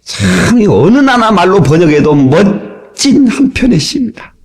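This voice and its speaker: A male pastor preaching a sermon to his congregation, lively and folksy, often asking them for a response, heard from an old cassette tape recording. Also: sits high, a little slow, breathy edge. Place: church sanctuary.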